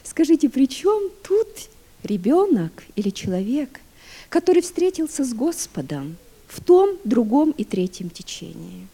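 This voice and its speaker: A woman in her fifties preaching a sermon to a congregation, swinging from loud emphasis to hushed, near-whispered phrases and asking the listeners questions. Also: high-pitched, sing-song, unhurried, husky. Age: 50s. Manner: asks the congregation rhetorical questions.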